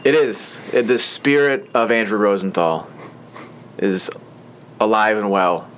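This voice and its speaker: A man's voice: on the low side, animated, a little slow, a bit bright, slight background noise. Chatty man hosting a podcast. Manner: chatty, rambling with frequent fillers. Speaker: podcast host. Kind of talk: casual chat. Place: small podcast studio.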